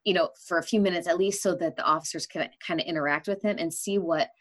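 A woman's voice: on the low side, steady tone, fast. A woman hosting a podcast, chatting casually with many filler phrases. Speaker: podcast host. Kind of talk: casual conversation.

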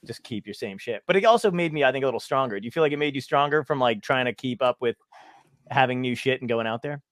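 A podcast host with a mid-range voice rattles through a casual interview chat at a brisk clip, swearing a lot, wandering into tangents, and laughing at himself. The dry, close sound has no echo and no room around it.

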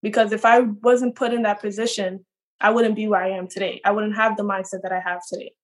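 A woman's voice: medium pitch, flat delivery, brisk. A nineteen-year-old woman from Trinidad, eagerly telling her story as a podcast guest over a video call. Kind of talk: casual podcast interview.

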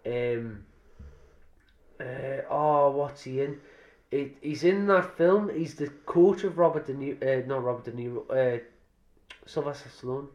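A man's voice: medium pitch, measured pace, a little mellow, highs cut off. A man talks as a podcast host in a loose, conversational style. He swears freely and keeps up a matey banter, sounding like he is chatting with a friend. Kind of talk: casual chat about films.

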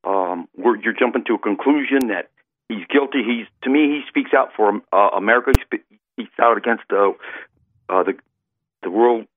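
Nervous guy calling in over the phone, tinny line, lowish voice. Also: a little hiss or hum. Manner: nervous, halting, restarts often. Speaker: caller. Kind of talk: call-in talk.

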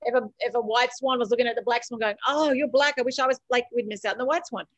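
This woman, an author and coach appearing as a podcast guest, has an Australian accent and a slightly high voice. She talks quickly in a steady tone, offering emphatic, encouraging advice in a motivational interview and often repeating phrases for effect. The recording is dry.

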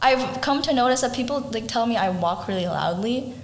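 A woman's voice: fairly high pitch, lively intonation, fairly quick. A teenage girl co-hosting a podcast in casual chat with friends, laughing often as she tells stories. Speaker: podcast co-host. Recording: long reverb.

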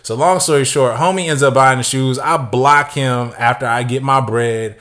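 Man, mid-pitched, podcast co-host, casual chat, slangy, joking, profane. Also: moderate pace, a bit bright. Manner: slangy, joking, swearing freely.

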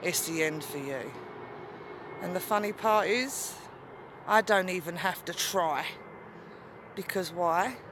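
Woman doing a slow gloaty demon queen, bright voice, faint noise behind. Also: lowish voice. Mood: gloating menace. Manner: taunting, with drawn-out evil laughs. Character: menacing female demon wrestling champion, gloating. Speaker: wrestling promo performer. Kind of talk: wrestling promo.

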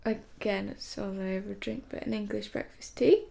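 A woman's voice: mid-range voice, steady tone, normal speed, vocal fry, dark tone. A tired woman co-hosting a podcast in casual chat, playful and teasing. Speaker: podcast co-host.

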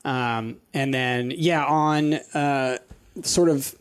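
A man acting as game master, improvising narration for a tabletop game in a halting, thinking-aloud way. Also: medium pitch, clean tone.

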